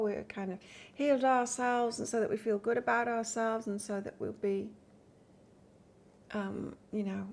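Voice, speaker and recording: A tarot reader from the north of England, whose accent mixes northern English and Australian, gives a casual live-stream reading in a chatty, rambling way, chatting with viewers between cards. Her voice is on the high side, with vocal fry and a slightly mellow quality.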